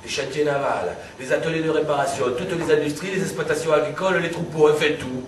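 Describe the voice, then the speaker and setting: A man's voice: a little high, fast talker, far from the mic, crowd noise, natural voice. A man acting on a theatre stage, playing a wry, grumbling old friend lamenting how things changed. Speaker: stage actor. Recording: echoey stage recorded from afar.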